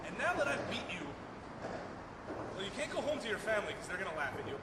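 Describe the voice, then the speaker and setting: Cocky wrestler on old footage through a speaker. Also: male voice, sits high, big pitch swings, quick pace. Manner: cocky, taunting. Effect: old footage re-recorded through a speaker. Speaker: pro wrestler. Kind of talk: mocking in-ring promo. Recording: echoey hall, mic far off, very noisy.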